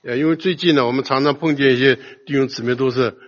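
An older man preaching a sermon in a loud, emphatic voice. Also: mid-range voice, steady tone, quick pace. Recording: long hall reverb, dull lo-fi sound.

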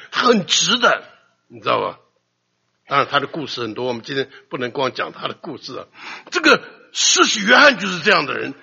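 A man preaching a sermon, telling stories in an animated way and acting out quotes with sudden loud outbursts, in a muffled lo-fi recording. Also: sits high, vocal fry, husky.

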